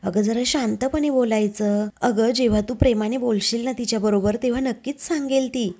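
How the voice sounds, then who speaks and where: A worried young woman chatters on, part caring and part telling tales, as a woman voices her in a recap. Her voice is fairly high with a soft, warm tone. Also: fairly even intonation, normal speed. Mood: pleading. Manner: concerned, chatty, pleading.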